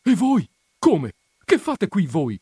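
A man voicing an excitable, fussy older housekeeper who exclaims in a shrill voice. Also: slow, slightly rough, no echo, clean studio sound, heavily acted. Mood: frantic.

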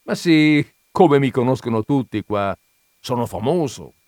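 A man's voice: mid-range voice, expressive, a little slow, darkish tone, no room sound, close to an everyday voice. A big, jovial braggart in his fifties spills his story in a chatty, confiding way, voiced by a man reading an audiobook. The sound is dry and close. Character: fat, jovial middle-aged man, garrulous and boastful.

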